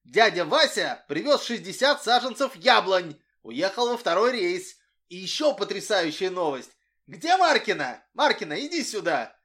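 A man voicing an excitable, bustling schoolboy who shouts and boasts breathlessly in an audiobook. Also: sits high, measured pace, pitched above the performer's own voice, full character voice. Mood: excited.

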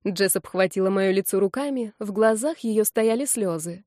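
A woman tells a first-person fantasy story with lively, wry energy. Her mellow, dark voice sits mid-range at a moderate pace, captured dry and close with no echo or room sound.

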